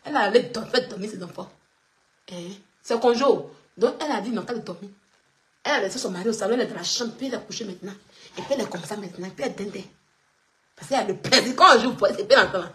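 A woman's voice: medium pitch, fast, fairly bright tone, a little hiss or hum. A woman chatting on a live stream, emphatic and teasing, often laughing. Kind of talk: casual live-stream chat.

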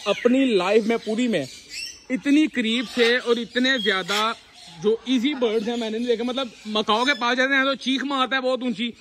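A man in his thirties with a very high voice hosts a casual vlog and chats excitedly with viewers. He films himself on a phone held out at arm's length in an outdoor aviary. Clear noise sits behind him. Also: normal speed. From Pakistan. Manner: excited, chatty, addresses viewers directly. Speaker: vlogger host. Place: large outdoor bird aviary. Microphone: phone camera held at arm's length. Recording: noisy outdoor phone recording. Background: birds squawking.

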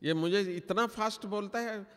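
A man's voice: sits high, normal speed. A man giving a spiritual class talk, telling stories and acting out his own inner dialogue. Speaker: spiritual teacher. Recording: long hall reverb.

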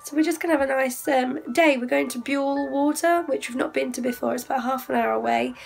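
A woman in her twenties with a hoarse, half-lost voice, chatting casually to camera in a vlog. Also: sits high, fairly even intonation, fairly quick, slight background noise. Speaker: vlogger. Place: small plain room indoors. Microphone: phone at arm's length.

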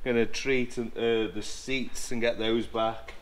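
This low-quality recording carries a little hiss or hum behind a forties-aged aircraft maintenance engineer who chats casually as he works a job in a big indoor hangar. His voice sits in the mid range, steady and slow, and he keeps restarting sentences as he walks through the work.

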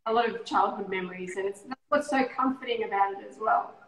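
A woman's voice: medium pitch, brisk, fairly bright tone. A woman in her thirties co-hosting a cooking show from her home kitchen over a video call, friendly and talking through each cooking step. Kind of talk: casual cooking demonstration. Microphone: video call, laptop or phone camera. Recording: echoey kitchen with faint background noise.

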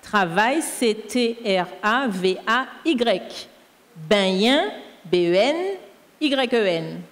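A woman's voice: mid-range voice, animated, slow pace. A woman with a Martinican Creole accent, a teacher patiently explaining spelling rules and spelling words out letter by letter. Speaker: language teacher correcting a dictation. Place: school canteen hall. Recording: echoey hall.

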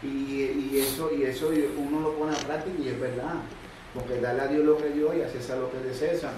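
Distant-sounding, halting man. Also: medium pitch, fairly even intonation. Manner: halting, repeats words, tells anecdotes. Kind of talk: casual faith testimony chat. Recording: distant mic in echoey room with noise.

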